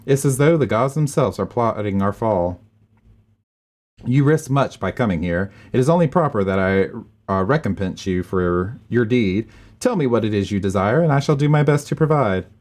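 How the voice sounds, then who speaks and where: An earnest, courteous young nobleman, read aloud by a man in a formal, dramatic game-dialogue tone. The voice sits fairly low and swings widely in pitch. Each line comes out measured and proper. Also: animated, a little mellow, lightly acted.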